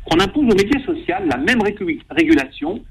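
A man's voice: sits high, big pitch swings, a little fast, slightly rough, poor audio. A middle-aged man, a doctor, giving an ironic spoken radio column in long sentences.

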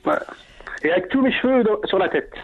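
A man's voice: high voice, animated, quick pace, no echo. A man in his forties calling in to a radio show, talking hesitantly with many fillers. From France, of Algerian descent. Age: 40s. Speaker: caller. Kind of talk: phone-in conversation. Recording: tinny phone line with faint music.

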